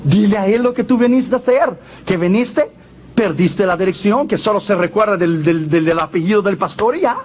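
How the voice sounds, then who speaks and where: A preacher voicing a stern, commanding God. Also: male voice, high-pitched, moderate pace. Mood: insistent. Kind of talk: sermon storytelling.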